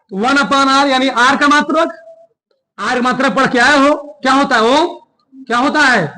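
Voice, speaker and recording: High-voiced teacher quizzing his class. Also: a bit bright, low-quality recording. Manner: keeps quizzing the class with rhetorical questions and repeating key words. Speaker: chemistry teacher. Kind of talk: classroom lecture.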